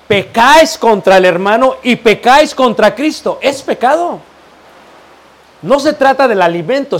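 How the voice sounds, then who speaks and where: Brief: male preacher, high voice, animated sermon with rhetorical questions. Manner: lively preaching, rhetorical questions, addresses "hermanos".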